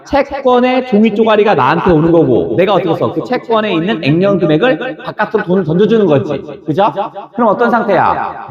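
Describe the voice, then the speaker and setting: A man lecturing exam students, his voice high and swooping up and down as he throws out question after question and chuckles along. The sound is dull and lo-fi. Echo from the room hangs around his words. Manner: lively, fires rhetorical questions, acts out quick dialogues, chuckles often. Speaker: Korean language exam lecturer. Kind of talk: classroom lecture.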